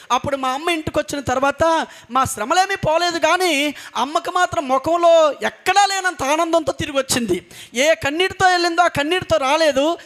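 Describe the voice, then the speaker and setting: A preacher from coastal Andhra Pradesh, India, shares his family's testimony as a sermon, telling it earnestly and driving his points home through emphatic repetition. His voice is extremely high-pitched and a bit bright.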